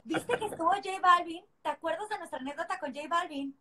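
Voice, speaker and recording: Playful high-voiced Mexican woman. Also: bright, forceful tone, rough recording. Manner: playful, teasing, quick to laugh. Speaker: live stream host. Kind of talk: casual chat on a live video call.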